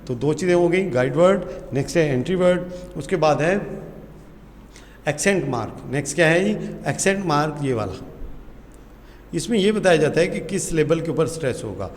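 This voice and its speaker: A man with a Pakistani Urdu accent teaching an English grammar lesson, asking questions and answering them himself, and reading English sentences slowly. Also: a little high, animated. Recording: roomy hall reverb with faint noise.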